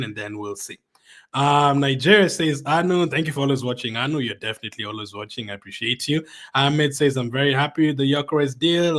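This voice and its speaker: A man hosting a live stream, reading viewer comments aloud in an excited, chatty way, often adding "um" and "man". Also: medium pitch. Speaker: fan channel host.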